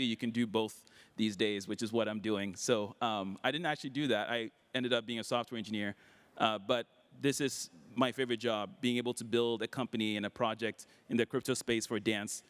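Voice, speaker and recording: A man's voice: mid-range voice, clean tone. Upbeat man moderating a panel. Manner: relaxed, upbeat, many fillers. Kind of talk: casual panel talk. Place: conference hall.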